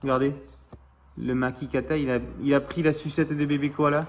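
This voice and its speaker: A man's voice: mid-range voice, a little fast, a little hiss or hum. A man reading a picture book aloud to young children, talking to them directly and then quizzing them. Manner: animated, addresses children directly. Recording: roomy echoey room.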